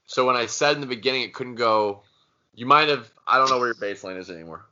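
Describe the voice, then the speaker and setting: A man's voice: mid-range voice, fast, bright, forceful tone. A man co-hosting a casual sports talk show, blunt and opinionated, teasing his co-host. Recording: dull lo-fi sound.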